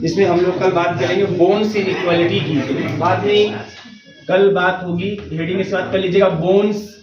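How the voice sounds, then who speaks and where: A man with a high voice teaches a math class. He walks through each step slowly and keeps asking if everyone is following. He sounds echoey and set back from the mic, and the recording is a little dull. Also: flat delivery, a little hiss or hum. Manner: reassuring, repeats checks like "theek hai na". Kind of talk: classroom lecture. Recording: roomy, distant, dull recording.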